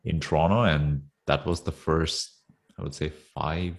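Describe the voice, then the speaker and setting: Deep-voiced man, relaxed and chuckling. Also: unhurried, creaky. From Sri Lanka. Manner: relaxed, chuckles often, hesitant fillers. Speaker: interview guest. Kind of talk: casual interview talk. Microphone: video call.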